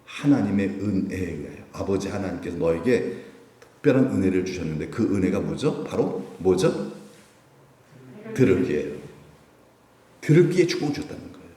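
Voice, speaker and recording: Man preaching, pitch jumps all over, echoey church, a bit far off the mic. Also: moderate pace, pauses often. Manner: lively, questions the congregation and acts out quotes. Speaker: pastor. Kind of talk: sermon. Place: church sanctuary. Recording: echoey room, voice from a distance.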